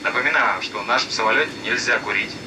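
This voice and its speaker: A male flight attendant reading formal safety announcements over a plane's cabin loudspeaker. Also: fast. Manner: formal, recited delivery. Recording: distant cabin speaker with engine rumble.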